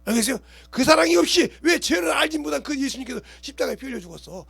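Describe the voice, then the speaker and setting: High, gravelly-voiced pastor preaching fast. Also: male voice. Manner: colloquial preaching, keeps asking the congregation if they understand; animated, acts out scenes with gestures and quoted voices. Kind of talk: sermon.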